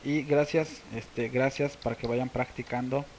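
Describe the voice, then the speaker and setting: A man with a Mexican Spanish accent, teaching a language casually to camera and slowly repeating words for practice. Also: mid-range voice, steady tone, darkish tone, a little hiss or hum, rough recording.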